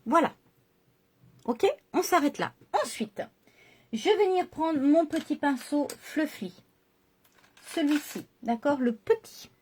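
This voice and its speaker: A woman's voice: high-pitched, darkish tone. Chatty woman talking through makeup. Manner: chatty, self-deprecating, pauses with fillers. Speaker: makeup vlogger. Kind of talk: casual makeup tutorial chat.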